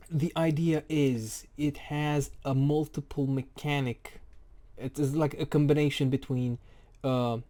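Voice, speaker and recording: A man's voice: mid-range voice, warm tone. A man casually explaining a game boss fight, rambling and jokey, often correcting himself. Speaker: game guide creator. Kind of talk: casual spoken game tutorial.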